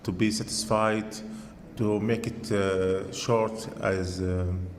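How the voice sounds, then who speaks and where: A man from Syria, a guidance counselor, answering podcast interview questions in calm, simple sentences. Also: lowish voice, slow, slight background noise. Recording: reverberant room, faint ambience.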